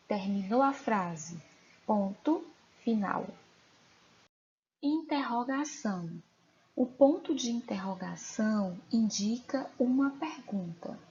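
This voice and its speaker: A woman teacher giving a recorded lesson to young pupils, speaking slowly and clearly and asking them questions. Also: on the high side, darkish tone. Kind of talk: recorded online class lesson. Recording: dull lo-fi recording, faint noise.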